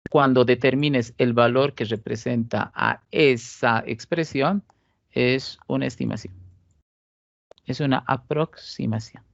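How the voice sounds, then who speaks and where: A man's voice: mid-range voice, gravelly, dry recording, highs cut off. A man with a Cochabamba Bolivian accent giving a recorded statistics lecture, explaining step by step and often checking in with "¿listo?". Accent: Bolivian Spanish (Cochabamba). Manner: explanatory, asks rhetorical questions, frequent "¿listo?" check-ins. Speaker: teacher.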